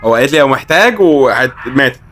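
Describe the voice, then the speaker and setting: A man with an Egyptian Arabic accent commenting on a horror game, with excitable, exclaiming, joking reactions. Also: medium pitch, quick pace. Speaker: gaming host.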